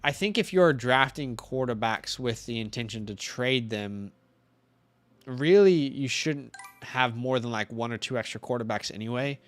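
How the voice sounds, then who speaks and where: A man's voice: medium pitch, lively intonation, normal speed. Rambling young man on a live draft stream. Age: 20s. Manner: rambling, thinks aloud, counts out loud. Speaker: co-host. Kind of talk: casual livestream chat.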